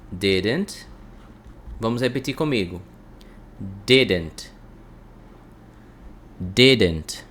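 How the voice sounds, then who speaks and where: A man teaching English to Portuguese speakers, breaking phrases into slow drills and repeating words for the listener. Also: medium pitch, fairly bright tone.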